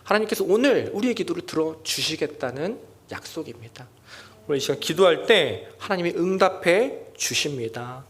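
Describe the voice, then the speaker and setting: A young adult man preaching a sermon as junior pastor at a church prayer meeting, acting out quoted lines in a loud raised voice. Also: a little high, lively intonation, moderate pace.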